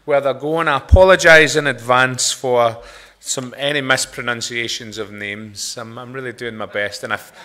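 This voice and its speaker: Bright-voiced Glaswegian man. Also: mid-range voice, fairly even intonation, moderate pace. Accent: Glaswegian Scottish. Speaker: chapel service leader. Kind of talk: informal spoken announcements from a lectern. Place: brick-walled chapel with a seated congregation. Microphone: lectern microphone.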